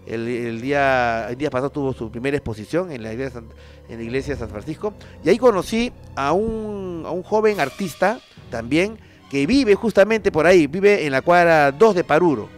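A man with a Peruvian accent hosting a paranormal show, telling stories in a loose, slangy, animated way with lots of fillers. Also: fairly high pitch, brisk, faint music behind. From Peru. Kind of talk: casual paranormal storytelling.

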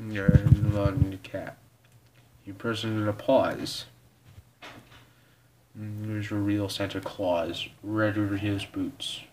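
A man reading a holiday storybook aloud in a halting, mumbled way. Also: fairly low pitch, flat delivery, darkish tone, a little hiss or hum. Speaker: reader.

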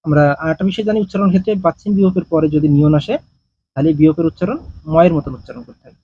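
A man teaching a language grammar lesson, explaining slowly and answering his own questions. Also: a little high, slightly rough, phone-quality sound.

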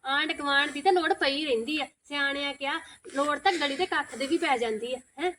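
Fast, high-voiced scolding Punjabi woman. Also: sharp tone, a little hiss or hum. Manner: scolding, reasoning advice. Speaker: actor in a village short film. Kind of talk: rural Punjabi short-film acting.

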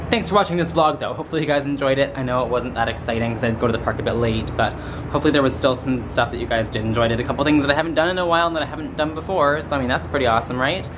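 Chatty young man vlogging, mid-pitched. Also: background noise. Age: young adult. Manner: chatty, informal. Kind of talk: casual vlog chat. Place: small hotel room. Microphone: handheld camera at arm's length.

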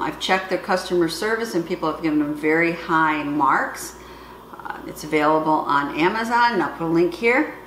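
In a home kitchen, a middle-aged female product reviewer casually demonstrates an item, talking plainly and explaining as she goes, with the camera several feet off. Her voice is on the low side and fairly bright in tone. Faint background noise and a roomy echo fill the audio.

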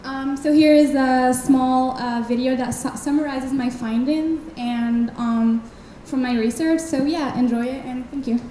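A woman's voice: sits high, fairly even intonation, measured pace, few pauses. A young woman from Morocco, a student, briefly introducing her video into a handheld mic, hesitant and full of fillers. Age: young adult. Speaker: student presenter. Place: dim event hall. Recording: echoey hall, noticeable noise.

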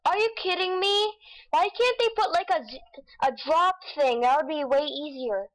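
High-voiced, excitable young gamer woman. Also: normal speed, poor audio. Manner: excitable, frustrated outbursts, silly nonsense sounds. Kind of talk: gameplay commentary. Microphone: desk mic with face cam.

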